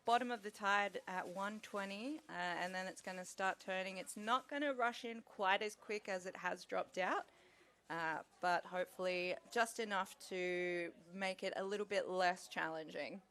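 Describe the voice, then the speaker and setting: A woman calls live sport as a co-commentator. Her voice is bright and forceful at a medium pitch. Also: normal speed. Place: commentary booth at a surfing event.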